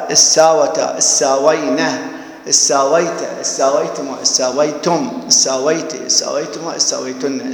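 A male teacher giving a classroom grammar lesson. He drills each verb form slowly, repeating it, and keeps asking the students whether they are following. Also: a little high, reverberant, long reverb tail, low-quality recording. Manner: coaxing, checks students follow.

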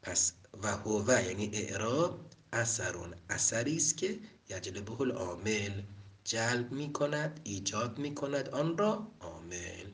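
Lecturing man, distant low voice. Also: lively intonation. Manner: explains step by step, reading Arabic lines then glossing them. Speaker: Arabic grammar teacher. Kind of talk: classroom lecture.

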